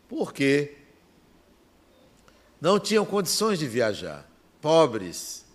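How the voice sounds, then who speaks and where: A man with a Brazilian Portuguese accent tells a story in a reflective talk. His voice sits a little high, and he takes his time. He delivers short, deliberate phrases separated by long pauses. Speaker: speaker giving a reflective talk.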